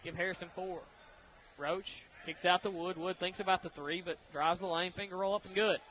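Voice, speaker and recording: A man doing brisk, energetic radio play-by-play of a basketball game, chuckling easily between calls. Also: sits high, a little hiss or hum, rough recording. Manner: brisk, energetic call of the action with easy chuckles. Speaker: play-by-play announcer.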